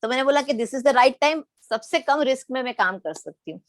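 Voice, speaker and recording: A middle-aged woman from Gujarat sharing her personal story in a lively storytelling manner, acting out the quoted lines. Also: high voice, normal speed, dry recording. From Gujarat, India. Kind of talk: personal testimony talk.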